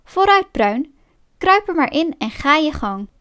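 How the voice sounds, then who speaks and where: A woman's voice: sits high, very animated, measured pace, fairly bright tone, heavily acted. A woman voicing a cunning male fox in a storybook, sweet-talking and mocking under a show of friendliness. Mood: sly.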